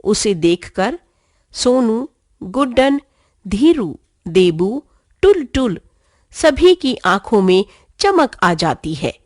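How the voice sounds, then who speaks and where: A woman narrating a children's story in an expressive, clear way. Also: a little high, slow pace, dry recording, clean studio sound.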